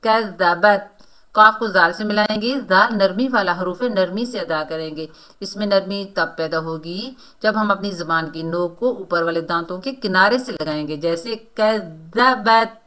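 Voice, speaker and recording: A woman teaching Quran recitation rules, explaining each sound and then reciting words slowly. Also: lowish voice, sharp tone. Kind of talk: tajweed lesson, explaining and reciting.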